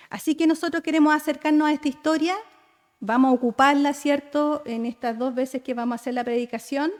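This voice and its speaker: A Chilean woman pastor delivers a sermon in a high-pitched voice, peppering her teaching with questioning tags. The sound carries a long reverb from a church hall. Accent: Chilean Spanish. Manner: frequent rhetorical "¿cierto?" tags, storytelling.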